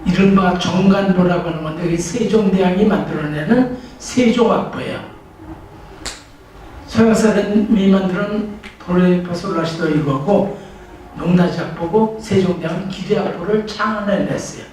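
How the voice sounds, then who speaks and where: A man's voice: high voice, normal speed, darkish tone, far from the mic. An older man giving a public lecture as a professor, talking in a conversational way with restarts and rhetorical questions. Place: library training room. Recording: echoey room, voice from afar, noisy.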